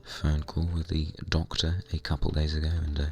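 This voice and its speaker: A young man with a hoarse, croaky voice, chatting casually and rambling while playing a computer game. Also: extremely low pitch, completely flat delivery, moderate pace. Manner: rambling, chatty, mild swearing. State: hoarse, recovering lost voice. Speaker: gaming vlogger. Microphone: desk microphone at computer.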